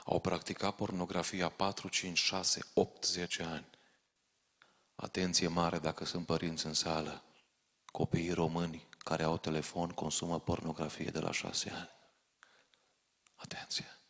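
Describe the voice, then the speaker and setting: A man's voice: deep voice, flat delivery, fairly bright tone. A man preaching a sermon to a congregation, warning them directly and urgently. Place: large church hall. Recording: long reverb of a church hall.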